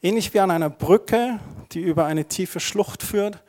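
A man's voice: sits high, normal speed, darkish tone. A middle-aged man preaching a sermon as pastor, chatty and conversational, with asides to the congregation. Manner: conversational, asides with tag questions.

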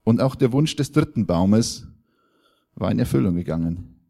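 Man, pastor, sermon storytelling, calm measured reading, low voice, warm tone. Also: gravelly.

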